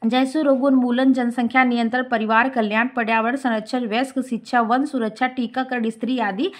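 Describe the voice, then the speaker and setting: A young woman teacher gives a classroom lecture. Her voice sits a little high. She mixes in English words and keeps asking her listeners rhetorical questions as she moves through her notes. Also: fairly even intonation, brisk.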